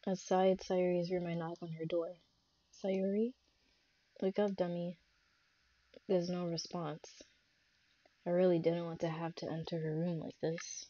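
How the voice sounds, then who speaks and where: A young woman streaming a visual novel, reading its text aloud in a measured voice and breaking into loud reactions. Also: lowish voice, little pitch movement. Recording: dull lo-fi stream audio with faint game music.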